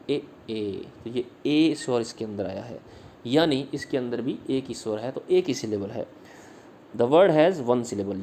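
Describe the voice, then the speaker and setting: A male English literature teacher giving a slide-based video lesson, patiently repeating words slowly and explaining each slide line. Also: mid-range voice, warm tone, a little hiss or hum.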